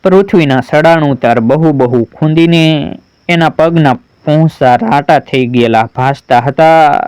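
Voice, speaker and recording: A man narrating a folk story in a slow, deliberate, dramatic manner. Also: on the high side, a little mellow, smooth, no echo, rough recording.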